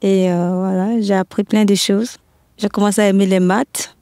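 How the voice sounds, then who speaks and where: Hesitant young woman, flat voice. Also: medium pitch, normal speed, dry recording, studio quality. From Ivory Coast. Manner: hesitant, many fillers and repeated words. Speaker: podcast guest. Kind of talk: casual interview answers.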